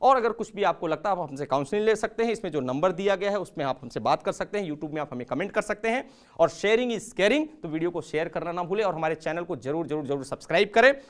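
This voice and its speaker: A man working as a communication trainer, giving a motivational talk that includes a story. He tells it dramatically, with sudden jumps in loudness and pitch, and speaks to viewers as friends. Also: expressive, quick pace. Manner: addresses viewers as friends, mixes English words into Hindi.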